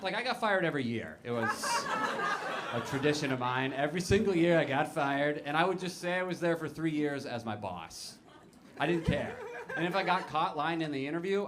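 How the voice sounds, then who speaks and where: Self-deprecating stand-up comedian, lively pitch. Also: male voice, a little hiss or hum. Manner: self-deprecating storytelling with acted-out quotes. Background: audience laughter.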